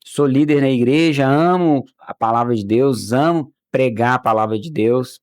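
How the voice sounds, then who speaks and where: A man's voice: medium pitch, normal speed, smooth. A middle-aged man from Brazil shares his faith story as a podcast guest, in an ordinary mid-range voice. He talks casually and animatedly, restarting phrases and acting out what others said. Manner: animated storyteller who acts out quoted dialogue; frequent restarts and filler words. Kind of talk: personal faith testimony in casual chat.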